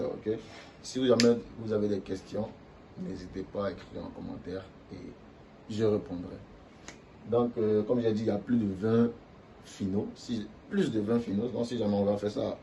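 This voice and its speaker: A man's voice: on the low side, steady tone, normal speed, gravelly, warm tone, slight background noise. A man teaching a language lesson to viewers, explaining step by step and drawing out syllables to demonstrate tones.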